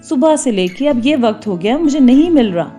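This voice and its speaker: A woman voicing a grieving mother dove in an animated storybook, speaking tearfully and pleadingly about her lost chick. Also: high-pitched, faint music behind. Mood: distressed.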